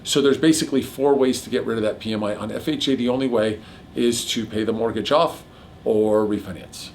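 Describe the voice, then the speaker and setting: Fast-talking middle-aged man explaining mortgages. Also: medium pitch, darkish tone, slight background noise. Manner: rapid, jokey, piles on figures. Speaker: mortgage broker host. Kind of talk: casual explanatory chat.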